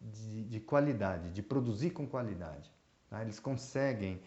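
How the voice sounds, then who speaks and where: A man's voice: fairly low pitch, animated, measured pace, dark tone. A Brazilian man who exports mushrooms explains the trade in a hesitant way, with many fillers and restarts. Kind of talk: explanatory talk. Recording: roomy, dull lo-fi sound.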